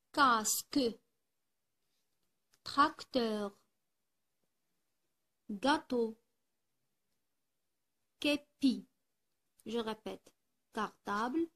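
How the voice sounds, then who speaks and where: Slow, deliberate woman teacher. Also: fairly high pitch, a little mellow, husky. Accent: Arabic-accented French. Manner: slow, deliberate, repeats each word twice. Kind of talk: slow classroom lesson, dictating exercises.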